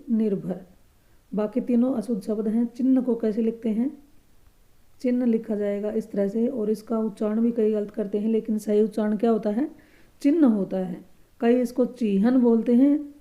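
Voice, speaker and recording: Lady going over exam questions, super mellow dark voice, says each answer again slow and soft. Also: fairly high pitch. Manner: explains patiently, repeats each correct word slowly and softly. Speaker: Hindi grammar teacher. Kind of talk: exam-prep lesson.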